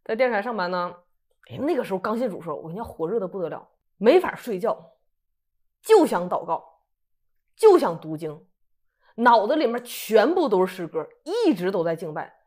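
A woman, telling her testimony in a lively, chatty way. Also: medium pitch, a little fast, pauses often. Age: 30s. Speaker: guest sharing a testimony. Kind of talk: casual testimony storytelling.

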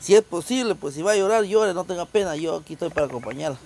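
A man with a Guatemalan accent hosts a charity vlog, filmed on a handheld phone in a wooded rural yard, casually explaining things to the camera and the people around him. He talks fast in a high, expressive, slightly mellow voice, with some hiss or hum on the recording.

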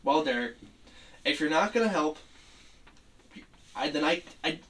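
A man playing a tough cop interrogating a suspect, pressing and skeptical in a halting delivery. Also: fairly high pitch, animated, fairly bright tone. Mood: threatening. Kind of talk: amateur acted interrogation scene. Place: small room, camera across the room. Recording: distant mic, noisy room.

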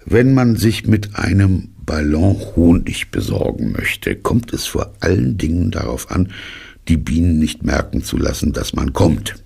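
A man voicing a naive, thoughtful, honey-loving male bear in an audiobook, musing slowly and earnestly. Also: deep voice, expressive, darkish tone, heavily acted. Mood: pondering. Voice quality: gravelly, husky. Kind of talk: audiobook character reading.

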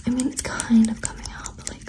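A woman doing a whispered role-play in fast ASMR whispering, repeating short phrases rapidly in a soothing, reassuring way. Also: mellow. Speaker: ASMR performer.

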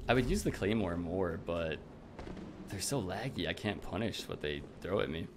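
Low-pitched man commentating on gameplay, noisy background. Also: expressive, moderate pace. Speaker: video game player commentating. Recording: clear background noise, game ambience.

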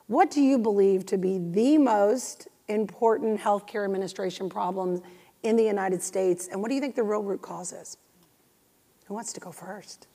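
A woman's voice: medium pitch, mellow. A woman in her fifties moderating a conference panel, upbeat and speaking directly to the audience. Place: conference stage in a large hall. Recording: long reverb of a large conference hall.

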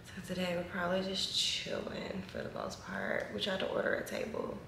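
A woman in her twenties from Texas, chatting casually to camera in a slangy, lively vlog. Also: lowish voice, moderate pace, gravelly, background noise. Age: 20s. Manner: chatty, animated, uses slang. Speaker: vlogger. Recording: echoey room, recorded from a distance.

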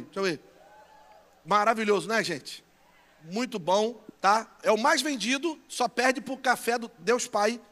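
A Brazilian pastor making playful, teasing announcements and bantering with a live conference crowd. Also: male voice, high voice, pushed and bright. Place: large church conference hall. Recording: long echo of a big hall.

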